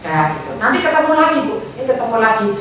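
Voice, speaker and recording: Javanese-accented lady giving a religious talk, kinda high voice, really echoey hall, mic far off. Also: very animated, fast talker, crowd noise. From Indonesia. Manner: chatty, mixes Javanese phrases, acts out little dialogues. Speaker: religious teacher. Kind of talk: Islamic study lecture.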